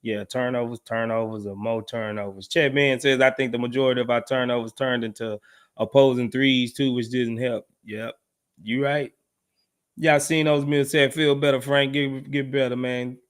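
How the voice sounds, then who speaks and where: A man hosting a casual post-game basketball chat, animated and slangy, reading out viewer comments and often asking "you know what I'm saying". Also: medium pitch, normal speed, clear, resonant tone.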